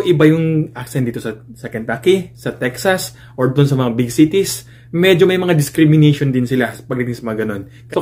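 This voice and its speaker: A man's voice: mid-range voice, darkish tone. A man in his thirties from the Philippines, a nurse, talking casually to viewers in a vlog, switching between Tagalog and English and calling out to his audience as "guys" again and again. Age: 30s.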